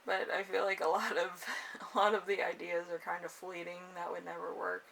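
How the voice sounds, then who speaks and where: A woman's voice: fairly low pitch, flat delivery, moderate pace, vocal fry, fairly bright tone. A woman giving a casual, improvised tarot horoscope reading, rambling and hesitant as she goes. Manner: rambling and hesitant, trailing off with frequent chuckles. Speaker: tarot card reader and channel host. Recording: noisy room, distant microphone.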